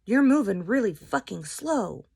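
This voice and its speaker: A woman voicing a blunt, teasing teenage male classmate in a story, with a slightly gravelly voice. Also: medium pitch, big pitch swings, a little slow, warm tone, heavily acted.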